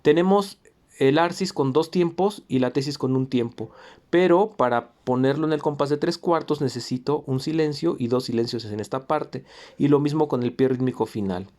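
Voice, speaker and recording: A man giving a patient music theory lesson, explaining notation step by step with frequent pauses and fillers. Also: mid-range voice, a little mellow. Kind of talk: lecture explaining notation on a score.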